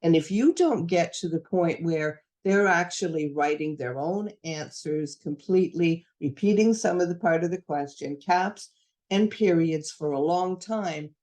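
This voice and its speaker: A woman's voice: fairly low pitch, unhurried, darkish tone. A woman giving a professional development talk to teachers, explaining reading lessons step by step and acting out what to say to students. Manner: instructive, acts out teacher-student exchanges.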